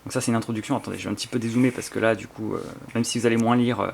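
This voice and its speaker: A man with a French accent talks through an unboxing in a rambling, enthusiastic way, full of fillers and restarts. His voice has a gravelly, creaky edge, and faint noise hums underneath. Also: fairly low pitch, fairly even intonation, very fast. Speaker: YouTuber presenting his book collection. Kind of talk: casual spontaneous unboxing chat.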